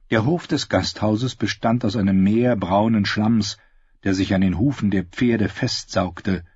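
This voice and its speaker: A man narrating an audiobook in an expressive, measured way. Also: lowish voice, slightly rough, no echo, highs cut off.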